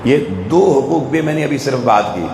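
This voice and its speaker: A man of medium pitch and a Pakistani Urdu accent preaches expressively, with some vocal fry, to a live audience in an event hall. This religious speaker pelts them with rhetorical questions; the echoey hall has faint ambience and background noise.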